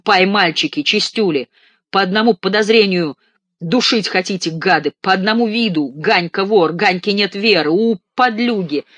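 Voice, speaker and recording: In a dry, close reading, a man gives voice to a loud, blustering male patient, a former thief who shouts and wheedles in indignation. The voice is raised and pitched high. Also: normal speed, husky, no echo. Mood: indignant. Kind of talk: audiobook reading.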